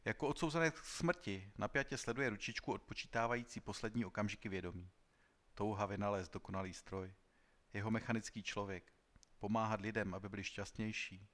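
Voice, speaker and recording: Man, audiobook narrator, measured and serious, lowish voice. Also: fairly even intonation, a bit bright. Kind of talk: scripted literary narration.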